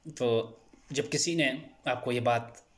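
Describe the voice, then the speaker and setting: A man in a mid register gives an earnest, explanatory advice talk as a channel host. He circles back and repeats words as he builds his points, and his pitch lifts when he leans into an idea. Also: slow. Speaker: channel host speaking on stammering.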